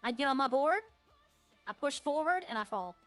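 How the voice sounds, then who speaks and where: A woman's voice: high voice, expressive, normal speed, a bit bright, dry recording, faint music behind. A woman game streamer talking casually and informally to her viewers, rambling from one thing to the next.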